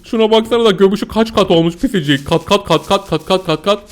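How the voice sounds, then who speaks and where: A young man giving playful, excitable gameplay commentary, often giggling and squealing at the screen. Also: high voice, quick pace. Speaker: gaming YouTuber.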